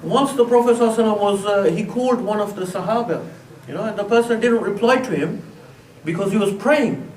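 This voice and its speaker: A man with a rather high, somewhat mellow voice speaks quickly, giving a religious lecture as an Islamic teacher in a mosque prayer hall. His tone is conversational and he often says "you know." The recording is echoey, captured from a distant mic in the hall.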